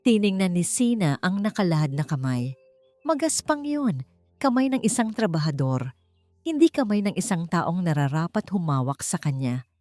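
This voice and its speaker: A woman reads a romance story for an audiobook in an expressive storytelling manner, her pitch rising at dramatic moments and her pace normal. The recording is echo-free, with faint music playing behind.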